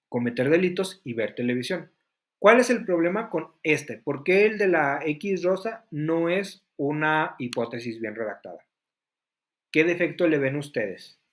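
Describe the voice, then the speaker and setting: A man's voice: fairly high pitch, a bit bright. A man teaching a class, explaining points step by step and asking students questions. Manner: explanatory, asks the class questions, frequent fillers. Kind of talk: classroom lesson.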